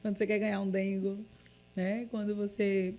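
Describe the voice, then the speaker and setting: A Brazilian woman, a journalist guest in a relaxed podcast chat. Her voice is mellow and warm, and she talks in a playful, expressive way with little jokes along the way. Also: mid-range voice, moderate pace. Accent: Brazilian Portuguese.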